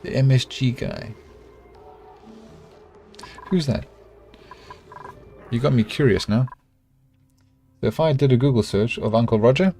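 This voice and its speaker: A middle-aged South African man streams a colony-building game, talking with his live chat in a relaxed, chatty way and muttering to himself as he builds. His medium-pitched voice is creaky and measured, broken by long pauses, with soft music playing underneath.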